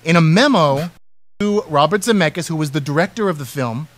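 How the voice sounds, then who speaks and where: A man's voice: fairly high pitch, expressive, fairly quick. Chatty man hosting movie trivia. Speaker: radio show host. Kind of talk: casual movie trivia chat.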